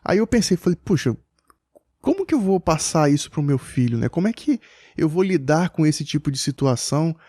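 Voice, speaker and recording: A man's voice: on the high side, big pitch swings, brisk, warm tone, dry recording. A man tells a personal story as a father in a casual podcast chat, hesitant and full of restarts.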